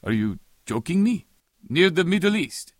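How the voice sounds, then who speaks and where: A proud pirate, played by a man, stern and scornful. He speaks in stiff, formal English with a voice that moves a lot in pitch. The audio drama recording is dry and close. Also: big pitch swings, normal speed, dry recording. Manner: stiff, formal, non-native English phrasing.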